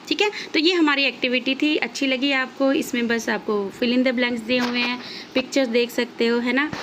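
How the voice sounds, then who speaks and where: A woman's voice: medium pitch, slight background noise. A woman teacher with an Indian English accent, patiently explaining a lesson and answering her own questions. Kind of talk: online class lesson.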